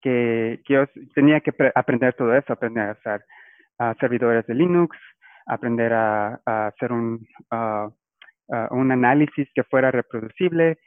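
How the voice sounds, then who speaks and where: A man's voice: mid-range voice, dry recording. Man on a tinny line. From Guatemala. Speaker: guest, data scientist. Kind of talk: casual interview. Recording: tinny phone-like line, dry.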